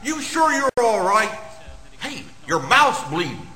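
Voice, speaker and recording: A man's voice: sits high, sing-song, unhurried, full character voice. A man playing a blunt, folksy small-town policeman. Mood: concerned. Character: gruff, good-natured small-town cop. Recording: echoey, loud music behind.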